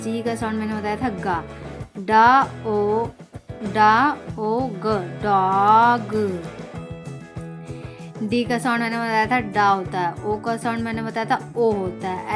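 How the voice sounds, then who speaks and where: A woman teaching children phonics, sounding out each letter slowly and then saying the whole word loudly. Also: a little high. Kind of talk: slow phonics lesson for children.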